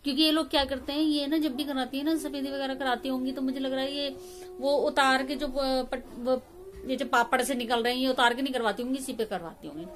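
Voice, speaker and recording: A rambling woman vlogger in her thirties chats to viewers from her room at home, speaking in a fairly high voice. Faint ambient noise sits behind her phone recording. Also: fairly even intonation, a little fast. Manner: rambling, emotional, many restarts and fillers. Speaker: family vlogger. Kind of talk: casual chat to viewers.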